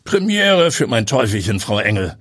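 A man voicing a confident, daring journalist and pilot who speaks in a brisk, energetic, self-assured way. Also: medium pitch, slightly rough, dry recording, studio quality, pitched above the performer's own voice. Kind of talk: audiobook character voice.

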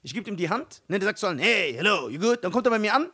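A man's voice: sits high, rapid-fire. A young man on a casual podcast, telling a story with lots of laughter and imitated voices. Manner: animated storytelling, mimics voices, laughs often. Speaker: podcast co-host.

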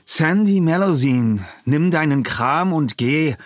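A man's voice: a little high, animated, slow pace, no echo, pitched above the performer's own voice. A man voicing an earnest teenage boy detective who explains in a hurry.

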